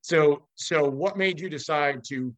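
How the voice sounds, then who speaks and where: Here a man from Los Angeles, USA, is the host of a laid-back interview, and he talks in a broad, emphatic manner. He speaks a little slowly with a fairly high pitch. There's no echo on the audio.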